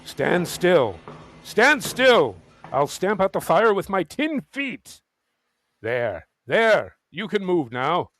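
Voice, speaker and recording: A man's voice: high voice, very animated, takes it slowly, fairly bright tone, a little hiss or hum, full character voice. A man acting a wistful, sentimental tin man with theatrical, lilting delivery in a parody radio play. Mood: concerned, commanding.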